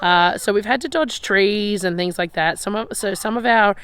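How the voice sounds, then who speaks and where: Showing off her homestead, a gravelly, slightly raspy-voiced Australian woman walks and talks casually beside chicken pens on a rural property, at a moderate pace in a mid-range voice. Roosters crow, hens cluck, and guinea fowl call loudly in the background.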